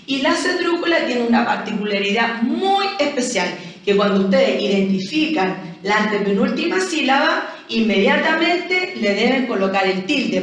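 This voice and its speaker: A woman's voice: a little high, fairly bright tone. A Chilean woman teaching a primary school language lesson, explaining patiently and checking in with frequent rhetorical questions. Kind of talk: recorded classroom lesson explanation. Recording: very echoey room, voice from far off.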